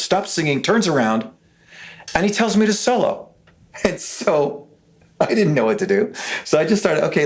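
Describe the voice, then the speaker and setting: A middle-aged male guitar teacher telling a casual story on his vlog in an animated way, acting out the voices of the people he quotes. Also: medium pitch.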